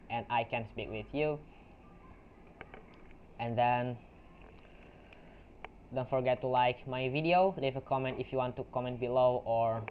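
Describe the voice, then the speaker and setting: A young Indonesian man, a non-native English speaker with an Indonesian accent, walks through a software screen-recording tutorial he created. He speaks haltingly in a mid-range voice, with restarts and fillers, captured on a tinny lo-fi mic with faint noise.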